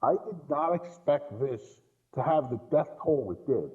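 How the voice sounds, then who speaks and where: A middle-aged man, a guest co-commentator on a podcast, chats casually about films, blunt, emphatic and prone to swearing. His medium-pitched voice is expressive and a little slow, and the sound is phone quality.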